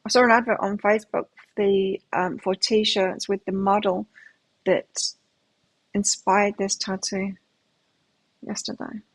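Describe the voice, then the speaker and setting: A woman's voice: mid-range voice, level tone, a little slow, long pauses, husky, dry recording, low-quality recording. A middle-aged woman with a mixed British and Australian accent, chatting and musing aloud as she reads tarot cards live. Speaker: tarot reader. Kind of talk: live tarot reading chat.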